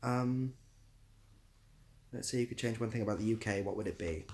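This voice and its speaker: Slight background noise sits under this young man's low-ish, darkish voice as he hosts a laid-back livestream at a moderate pace. A YouTuber from near Bath in southwest England, he rambles and makes self-deprecating jokes.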